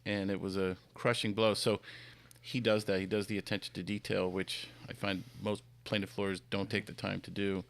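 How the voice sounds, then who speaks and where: Male defense lawyer, low gravelly storyteller, flat delivery. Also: moderate pace. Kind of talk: panel podcast anecdote.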